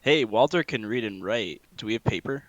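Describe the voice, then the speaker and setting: A man's voice: on the low side, animated, a little fast, dry recording, poor audio. A man playing a tabletop game, narrating his character's actions. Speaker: player. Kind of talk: casual tabletop game chat.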